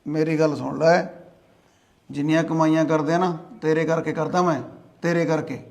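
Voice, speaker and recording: A gruff, lecturing father in a village short film, played by a man. His voice is gravelly and a little high, and he scolds and then indulges his son. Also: flat delivery, normal speed, darkish tone. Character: middle-aged father, gruff but indulgent.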